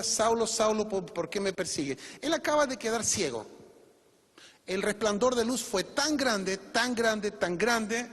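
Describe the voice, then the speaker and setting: A man's voice: sits high, a bit bright, husky. A male pastor preaching a sermon to his congregation, pressing home his points with rhetorical questions. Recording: long reverb of a church hall.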